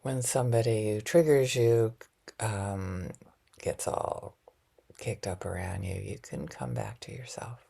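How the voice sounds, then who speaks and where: Slow, gravelly-soft woman meditation teacher. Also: rumbling low. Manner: soft, often half-whispered, gentle and reflective. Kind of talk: guided loving-kindness meditation talk.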